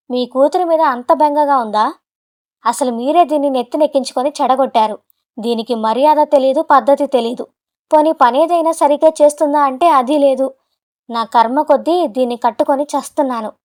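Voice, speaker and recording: A contemptuous, hot-tempered young husband barks his words fast and loud, as a woman narrator puts him on. The voice sits high and light for a man, with a storybook reading feel. He sounds scornful and short-fused throughout. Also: fairly even intonation, lightly acted. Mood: scornful shouting. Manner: shouting, contemptuous, rapid.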